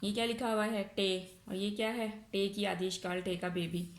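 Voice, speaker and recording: A woman with a Pakistani accent teaches a nursery class in a recorded lesson. She asks simple questions and answers them herself, drawing out each word slowly. Her voice sits at a medium pitch and carries a noticeable room echo. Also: fairly even intonation. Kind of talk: recorded online lesson for young children. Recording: echoey room.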